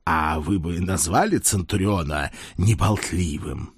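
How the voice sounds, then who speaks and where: A man's voice: deep voice, measured pace, husky, no echo, exaggerated voice. Male reader as an old crusader servant: loyal, dry, deferential. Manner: respectful, dry, addresses master as sire.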